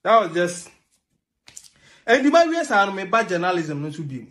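A man's voice: high-pitched, very animated, moderate pace, a bit bright, a little hiss or hum. A young man with a Ghanaian accent giving emphatic political commentary to camera from a small room, mixing English and Twi. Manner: emphatic, mixes English and Twi, laughs mid-rant. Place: small indoor room with a TV behind.

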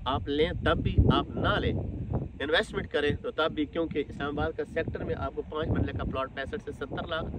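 A man in his thirties with a Pakistani Urdu accent, a real estate agent giving a brisk sales pitch while standing outdoors in an open field. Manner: brisk salesman patter, repeats "theek hai". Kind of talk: property site-visit presentation to camera. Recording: loud wind noise outdoors.

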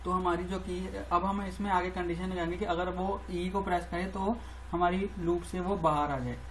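A woman's voice: fairly low pitch, steady tone, normal speed, slight background noise, rough recording. Woman explaining code step by step. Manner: talks through each step as she types, repeating phrases. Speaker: programming tutor. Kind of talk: screen-recorded coding tutorial.

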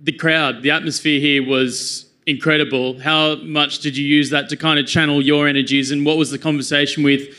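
Bright, flat-voiced male reporter. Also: a little high, moderate pace, few pauses. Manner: hesitant, with uh fillers. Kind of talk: press conference question.

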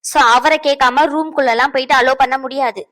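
A woman's voice: fairly high pitch, fairly even intonation, a little fast, close to an everyday voice, low-quality recording. A woman voicing a firm female doctor in a cartoon dub who lectures on hospital rules. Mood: stern. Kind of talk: cartoon dubbing.

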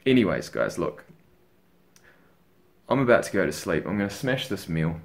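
A young man with a somewhat low voice talks casually and tiredly into a webcam at home. He rambles loosely and swears offhandedly, like a regular fitness vlogger catching his viewers up. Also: sing-song, moderate pace, vocal fry. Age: young adult. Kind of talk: casual vlog chat. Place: bedroom at home, indoors.

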